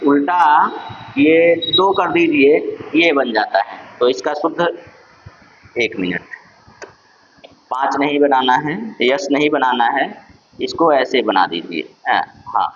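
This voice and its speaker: High-voiced man teaching a Sanskrit lesson. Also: a bit bright, a little hiss or hum. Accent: Purvanchal Hindi. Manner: addresses viewers as friends, asks and answers his own questions. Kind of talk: exam-prep lesson. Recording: dull lo-fi sound.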